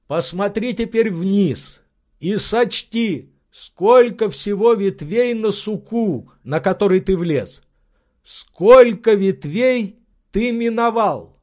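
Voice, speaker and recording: A man reading an audiobook, voicing an excitable eccentric gentleman who shouts urgent orders. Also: sits high, pitched above the performer's own voice. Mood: commanding. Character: excitable eccentric gentleman, frantic treasure hunter.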